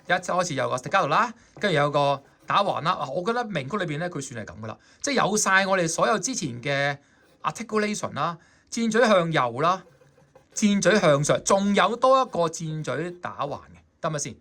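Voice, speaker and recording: A man with a Hong Kong Cantonese accent teaches saxophone in a chatty way, explaining a score and often checking in with his students. His voice is a little high, sing-song, brisk, and sharp in tone.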